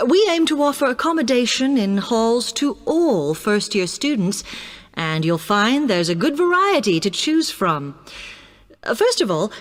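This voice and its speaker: Actress as helpful female university accommodation officer: British, high-pitched, varied intonation, orderly scripted presentation in a reverberant hall. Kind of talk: scripted informational talk to students. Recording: long reverberant hall sound.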